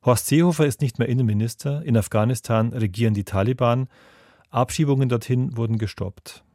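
A man introduces a documentary series in a calm, scripted manner. His voice is mellow and dark, recorded close and dry in a studio. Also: mid-range voice, brisk, no room sound. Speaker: radio presenter.

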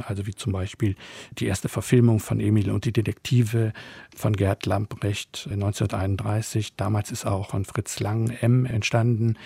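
A man talking about a children's novel on the radio in a measured, deliberate manner. His voice is gravelly and husky with a dark tone, recorded close and dry. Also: on the low side, dry recording. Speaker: literary critic guest. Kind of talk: radio interview. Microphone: studio mic.

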